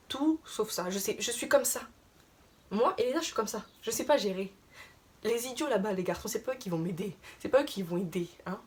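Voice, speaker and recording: A young adult woman casually telling a story to her viewers, chatty and animated, piling on filler tags as she retells what happened. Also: mid-range voice. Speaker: vlogger.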